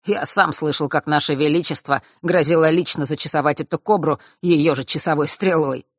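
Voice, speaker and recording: A woman's voice: sits low, fairly even intonation, a little fast, no echo. A woman reading a wry, sly teenage boy with dry humor in an audiobook, close to her own voice. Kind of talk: audiobook character voice.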